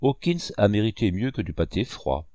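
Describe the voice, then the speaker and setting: A man's voice: on the low side, very animated, moderate pace, dark tone, dry recording, clean studio sound. A man voicing a big, hot-tempered, haughty English squire in a storybook reading, exclaiming grandly. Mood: hearty.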